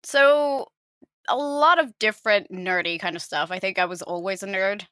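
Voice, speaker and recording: A woman's voice: medium pitch, normal speed, fairly bright tone, no echo, clean studio sound. A woman in her late twenties, born in Finland, with an international-school, American-like accent, chatting as a podcast guest in a chatty, self-deprecating way. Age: 20s. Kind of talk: casual interview chat.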